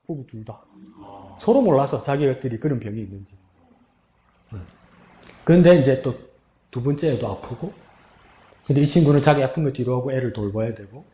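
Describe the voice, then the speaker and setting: A man's voice: mid-range voice, slight background noise. A man, a pastor, preaching an emotional, storytelling sermon to his congregation and rising into a pleading tone when he voices God's words. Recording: roomy, slightly dull sound.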